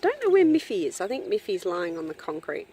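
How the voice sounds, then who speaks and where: A woman casually narrating a walk around her farm, chatting fondly and calling to her animals in a high sing-song voice. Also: sing-song, fairly quick, heavy background noise. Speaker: hobby farm vlogger. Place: outdoors on a rural property. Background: faint birds and farm animals.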